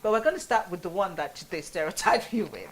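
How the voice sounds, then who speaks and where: A woman's voice: lowish voice, animated, a little fast. A woman hosting a talk show, bubbly and laughing often.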